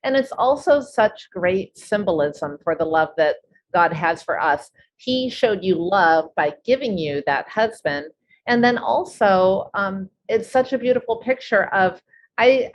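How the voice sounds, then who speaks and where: A woman hosting an interview, gently affirming her guest's story. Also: mid-range voice, highs cut off, a little hiss or hum. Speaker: podcast host.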